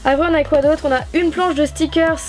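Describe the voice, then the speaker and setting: Young French woman, high voice, gushing casual unboxing vlogger, faint background music. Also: fairly even intonation, fairly quick. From France. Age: young adult. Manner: gushing, enthusiastic, chatty with fillers. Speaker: YouTuber unboxing stationery.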